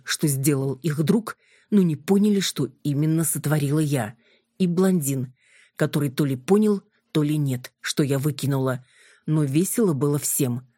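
A woman narrates a first-person audiobook in a low, husky voice with a wry, plain telling. The recording is dry and close, with no room sound. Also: mellow, dry recording.

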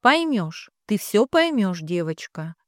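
A woman voicing a quiet, grieving young woman in an audiobook, speaking softly. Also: mid-range voice, sing-song, takes it slowly, no echo, studio quality. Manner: quiet, subdued.

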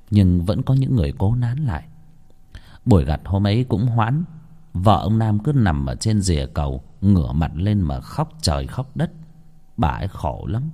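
A man narrating a ghost story in a dramatic, expressive storytelling manner. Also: low voice.

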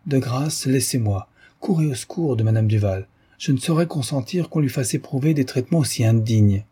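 Man voicing young lady of a period novel, firm, reproachful, dark husky tone, slightly raised pitch. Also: moderate pace. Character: proud young woman rebuffing a suitor.

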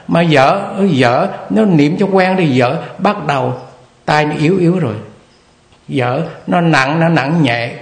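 An older man giving a conversational, repetitive dharma talk as meditation teacher. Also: on the high side. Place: meditation hall. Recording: echoey hall recording.

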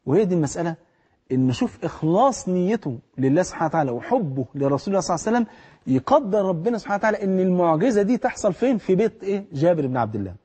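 A man's voice: fairly high pitch, slightly rough. A middle-aged man with an Egyptian accent preaching a storytelling sermon, acting out the people in his story. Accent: Egyptian Arabic. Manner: animated, acts out the people in the story.

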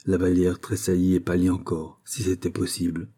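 A male audiobook reader giving scripted narration of a classic novel. His voice sits low and sounds dark and mellow, with a husky edge, and his reading is measured and expressive.

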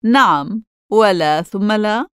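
A woman's voice: mid-range voice, animated, slow, fairly bright tone, clear, resonant tone, no echo, studio quality, voice pushed up. A woman voicing a cocky, mischievous young boy who loves games, with a cheeky, boastful way of talking in a storybook reading.

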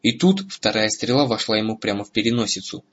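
Husky male audiobook narrator. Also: fairly low pitch, lively intonation, quick pace, muffled recording. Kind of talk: scripted narration.

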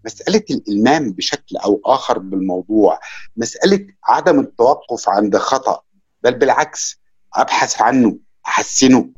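A man with an Egyptian accent speaks about his work as an interpreter in an unhurried, reflective way, pausing on fillers. His voice is husky, and the recording sounds dull and lo-fi. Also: mid-range voice, lively intonation. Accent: Egyptian Arabic. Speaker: conference interpreter giving a talk. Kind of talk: lecture and casual Q&A.

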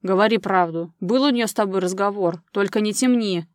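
A woman's voice: mid-range voice, a little fast, no echo, clean studio sound, lightly acted. A woman reading a mocking stern macho man. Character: sardonic, commanding macho man. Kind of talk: audiobook character reading.

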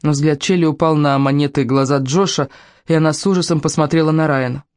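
An audiobook narrator reading a fantasy story in a steady, measured way. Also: mid-range voice, smooth, no room sound, clean studio sound.

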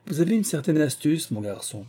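A man's voice: on the high side, very animated, fairly quick, mellow, breathy edge, voice pushed up, heavily acted. A man voicing a stern, confident male detective who speaks firmly and commands. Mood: commanding.

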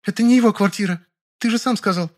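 Scheming young woman, hissing and indignant, very high voice, read by a man. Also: quick pace, lightly acted. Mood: defiant. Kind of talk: audiobook narration with voices.

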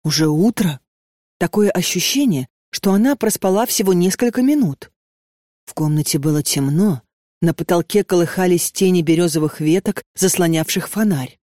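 A storyteller reading an audiobook in a tense, steady way. The pitch sits in the middle, and the recording is very dry and close, with no room sound. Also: moderate pace, no echo. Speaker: narrator. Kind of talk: audiobook narration.

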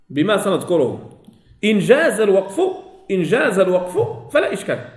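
High-voiced Moroccan teacher in an echoey room. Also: male voice. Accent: Moroccan Arabic. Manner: repeats key phrases, asks students questions. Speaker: Quran recitation teacher. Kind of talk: religious lesson explanation.

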